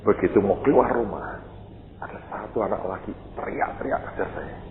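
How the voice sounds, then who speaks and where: A man's voice: lowish voice, normal speed. Male pastor, storytelling sermon, heard in a roomy hall with faint noise. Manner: storytelling, acts out dialogue, jokey asides. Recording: echoey hall, muffled phone-like sound, faint noise.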